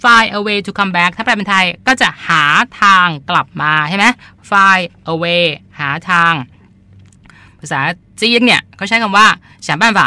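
A man's voice: sits high, pushed and bright, clean tone, dry recording. A man hosting a podcast, chatting casually as he explains terms and often repeats them with polite particles. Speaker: podcast host and translator.

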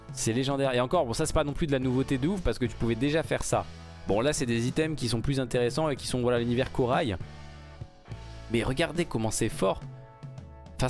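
A man giving casual, excited commentary while reacting to a game trailer, rambling with many fillers and restarts. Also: medium pitch. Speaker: gaming YouTuber reacting to a trailer.

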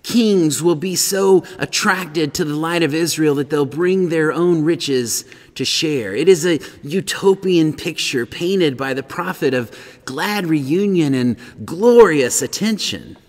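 Middle-aged pastor preaching in a reverberant hall. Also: male voice, on the high side, slow. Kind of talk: sermon. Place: large empty church sanctuary.

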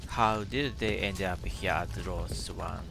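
An actor voicing a stern knight in a video game, terse and sober, with a gravelly voice. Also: male voice, low-pitched, takes it slowly, full character voice. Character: stern male knight questioning an ally. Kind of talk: video game character dialogue. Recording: music behind the voice.

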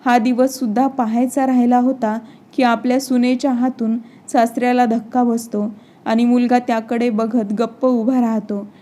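A woman voicing a stern, proud old father who scolds his son, in a storybook narration read in a steady, even way. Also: very high voice, moderate pace. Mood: broken, hurt. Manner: scolding, indignant.

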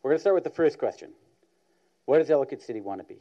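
A man opening a public presentation, laying out questions in a measured way. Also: mid-range voice, expressive. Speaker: panel moderator. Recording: dull lo-fi sound.

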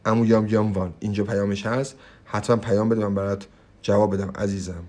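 A young man teaching English online in a livestream. He talks in a brash, hyped way, swears freely, and drops in slow, emphatic English phrases. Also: fairly low pitch, flat delivery, darkish tone. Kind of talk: energetic livestream pitch and Q&A.

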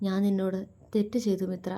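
A remorseful young husband, as a woman storyteller voices him, with a hushed, subdued delivery that drops just below the narration in pitch and sinks clearly softer. His lines come quiet and choked. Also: moderate pace, close to an everyday voice.

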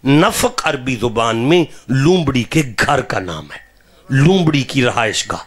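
A man with a Pakistani Punjabi accent preaching a sermon at a live religious gathering. He questions his listeners and builds up to fervent shouting. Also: mid-range voice, animated, slow.

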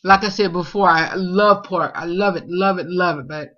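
In a small room at home, a young man films a casual food tag vlog on a webcam right in front of him, so the audio is dull and lo-fi. He reads each food question and answers with lots of fillers, his high voice bright and forceful at a moderate pace.

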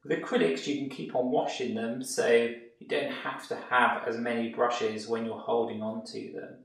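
A man, an art tutor, explaining painting steps in a relaxed way as he works. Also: mid-range voice, moderate pace, vocal fry, distant mic. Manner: relaxed, explanatory, thinking aloud while painting. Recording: very echoey room, off-mic.

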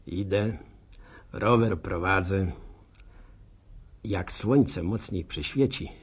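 Narrating a radio serial, a gravelly, slow-talking village postman tells folksy stories to listeners in a rambling, colloquial, wry rural style. He's middle-aged, chatty, self-deprecating and envious, with a limp, and his voice is on the low side, darkish and heavily acted, with a musing, folksy mood.

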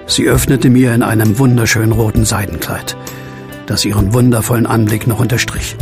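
For a German audio drama, an actor narrates in first person as a widowed man tormented by a werewolf, telling his horror story earnestly and with measured reflection. His fairly low, steady, natural voice carries a wistful, reflective mood, with music underneath.

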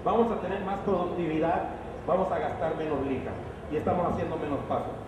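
A man's voice: a little high, a little fast. A middle-aged man giving a live product demonstration into a handheld microphone in a large roofed expo hall, explaining step by step and often checking with the crowd. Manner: explanatory, asks the crowd frequent checking questions. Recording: echoey hall, distant camera, crowd noise.

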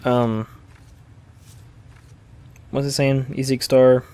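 A man's voice: mid-range voice, little pitch movement, drawn-out words, a little mellow, a little hiss or hum. Chatty male let's play host with a mid-range voice, talking casually as he plays. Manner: chatty, reads game text aloud as he plays. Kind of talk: casual gameplay commentary.

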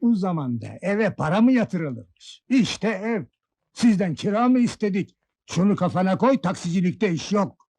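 An actor playing an older man, a gruff father giving fatherly advice to his son and daughter-in-law, in old film acting. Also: sits high, big pitch swings, moderate pace, darkish tone, no room sound. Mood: grumbling. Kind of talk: 1960s Turkish film acting.

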